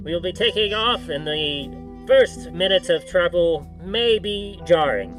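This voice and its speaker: A man's voice: high-pitched, expressive, measured pace, a bit bright, faint music behind, pitched above the performer's own voice, poor audio. A man voicing a stiffly polite, quacking clockwork automaton that makes train announcements in a tabletop game. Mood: announcing. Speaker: game master.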